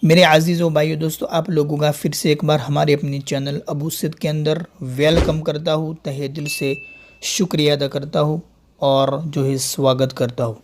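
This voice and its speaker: On his own channel, a man teaches an online Urdu reading lesson, explaining patiently and using religious greetings and phrases. He reads syllables and short drill sentences slowly and deliberately in a flat, somewhat high voice. A little hiss or hum sits under the recording.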